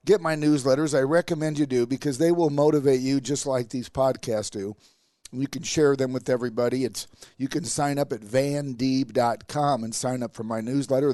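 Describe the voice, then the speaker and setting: This motivational podcast host has a mellow, mid-range voice, recorded clean in a studio with no room sound. A stuffed-up sinus makes him sound nasal as he rallies listeners with emphatic, repetitive delivery.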